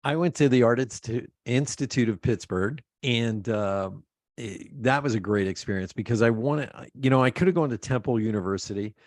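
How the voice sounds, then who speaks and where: A man's voice: mid-range voice, brisk, no room sound, studio quality. A middle-aged man from Pennsylvania, a podcast guest telling rambling stories about his life and laughing often. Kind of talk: casual interview chat.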